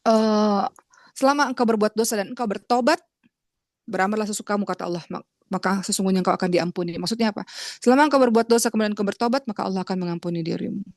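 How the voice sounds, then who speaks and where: In a dry, studio-quality recording, a woman from Indonesia with a darkish voice gives a heartfelt religious lecture as a preacher. She calls herself Uma, treats her listeners as friends, and dramatizes pleading prayers with a rising pitch.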